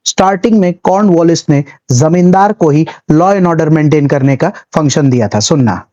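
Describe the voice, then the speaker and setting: A man's voice: fairly high pitch, moderate pace, mellow, lo-fi sound. A man teaching history in a chatty lecture, telling little stories and mixing English terms into his talk. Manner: chatty storytelling, acts out little scenes; mixes English terms into speech. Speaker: civil services exam history teacher. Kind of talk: classroom lecture.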